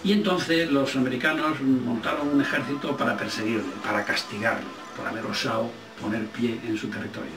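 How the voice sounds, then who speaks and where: An older man with an accent from Spain, a film director telling casual anecdotes in an interview, halting as he searches for words. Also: mid-range voice, steady tone. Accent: Spanish, from Spain. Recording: roomy, distant microphone, faint music.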